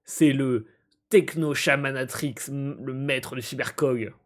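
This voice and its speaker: Halting man translating game text live. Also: medium pitch, fairly even intonation, a bit bright. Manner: halting and hesitant, stumbling over words while translating; amused, often breaking into laughter. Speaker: streamer. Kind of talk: live let's-play, translating on-screen game text aloud.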